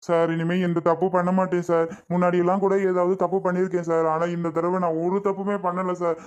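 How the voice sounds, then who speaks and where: A man's voice: sits high, flat delivery, fast, darkish tone, clear, resonant tone, natural voice. A man voicing a repentant jailed husband in a cartoon, pleading over and over. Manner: begging, repeats sir again and again.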